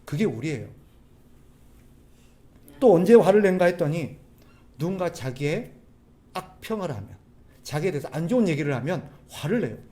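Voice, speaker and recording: A man preaching a sermon as a pastor, animated, putting rhetorical questions to the congregation. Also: on the high side, normal speed, pauses often. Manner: acts out quoted people's voices.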